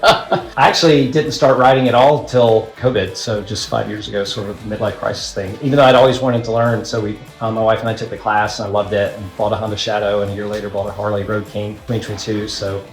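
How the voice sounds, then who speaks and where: Quick-talking middle-aged man, roomy sound. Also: fairly low pitch, fairly even intonation. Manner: friendly, chatty, laughs easily. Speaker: student rider. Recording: roomy echo with music behind.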